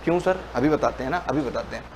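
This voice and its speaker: A man teaching a commerce class, speaking casually and mixing English terms into his speech. He acts out both sides of the lesson, switching his pitch to play the student's questions and then answering them himself. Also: expressive, quick pace, a little hiss or hum. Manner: colloquial, mixes Hindi with English terms. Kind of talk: lecture with role-played dialogue.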